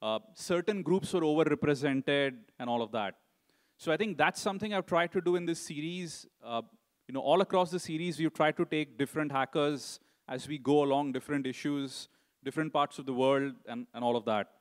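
A middle-aged man giving a conference talk in a conversational way, often tagging sentences with "right?" and filling pauses with "you know". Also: a little high. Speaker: conference speaker.

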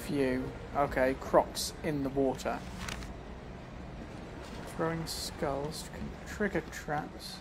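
A man chatting casually while playing a video game live, breaking into quick exclamations as he reacts. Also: mid-range voice, steady tone, background noise. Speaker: streamer. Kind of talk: live gameplay commentary. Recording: game music playing behind.

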